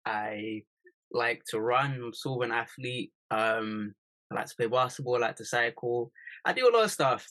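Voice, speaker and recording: A young man in his early twenties from East London with a bright, forward tone. He co-hosts a podcast and keeps it playful, joking his way through casual chat. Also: medium pitch, lively intonation, moderate pace, rough recording. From East London, England. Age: 20s. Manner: playful, jokey. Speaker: podcast co-host.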